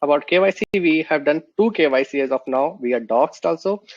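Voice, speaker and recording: A man's voice: on the high side, animated, brisk, no room sound, lo-fi sound. A man with a cold, answering interview questions as a guest, earnest and explanatory. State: has a cold.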